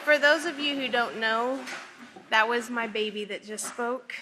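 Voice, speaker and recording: A middle-aged religious speaker addresses a congregation from a pulpit microphone, speaking directly and personally to listeners and reading out quotes. Her voice is fairly high and her pace measured. The sound is that of a big room, with background noise.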